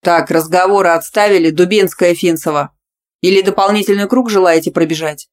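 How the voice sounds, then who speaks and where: Stern man gym teacher, barking orders, slow firm delivery, storybook reading, woman doing the voice. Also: sits low, steady tone.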